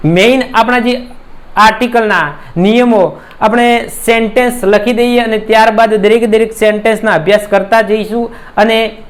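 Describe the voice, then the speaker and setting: A man with a Gujarati accent teaching an English grammar lesson, patiently explaining with examples and often asking "right?". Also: high-pitched. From India. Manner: keeps asking "right?" to check understanding; addresses students as friends, explains patiently with examples.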